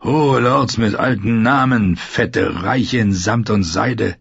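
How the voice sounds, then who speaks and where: Brutal scarred warrior, low husky growl, read by a male narrator, dull dry sound. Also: slow, no echo, exaggerated voice. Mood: menacing. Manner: gruff, scornful, growling. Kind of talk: audiobook character voice.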